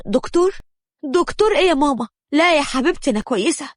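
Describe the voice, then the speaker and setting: Lady reading as a jumpy egyptian teen girl dodging questions, high and quick. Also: a bit bright, no room sound, clean studio sound. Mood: nervous. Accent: Egyptian Arabic. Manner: nervous, evasive. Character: nervous teenage girl.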